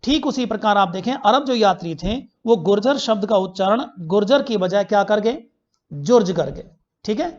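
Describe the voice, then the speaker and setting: A man's voice: high-pitched, expressive, moderate pace. A male history teacher giving an online class lecture, asking quiz questions, answering them himself and repeating key facts for students to remember. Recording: dull lo-fi recording.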